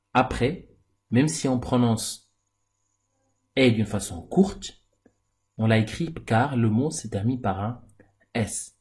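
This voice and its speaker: A male teacher giving a recorded grammar lesson, speaking deliberately and repeating key words for the viewer. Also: lowish voice, darkish tone.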